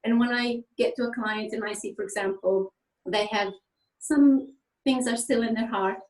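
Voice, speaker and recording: Animated therapist woman from Tunisia, echoey room. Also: on the high side, moderate pace. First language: French and Arabic. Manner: animated, laughs often, many fillers like "kind of like". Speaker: therapist guest. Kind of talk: conversational explanation.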